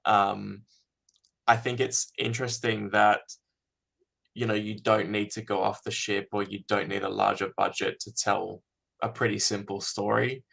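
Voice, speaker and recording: A man's voice: lowish voice, little pitch movement, a little slow, creaky, a bit bright. A man, a fan filmmaker being interviewed, talking casually and thoughtfully with many ums.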